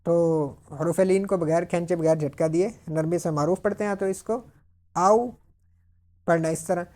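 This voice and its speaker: A woman teaching Quran reading, sounding out syllables slowly and loudly, then explaining quickly in between. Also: fairly low pitch, fairly even intonation. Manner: drawn-out loud syllables alternating with quick explanations. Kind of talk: slow syllable-by-syllable recitation drill with explanations. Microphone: mic.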